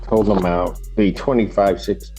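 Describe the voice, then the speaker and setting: Deep-voiced male judge, courtroom recording. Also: fairly even intonation, moderate pace, warm tone, soft background music. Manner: patient, explains step by step. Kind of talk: courtroom proceedings.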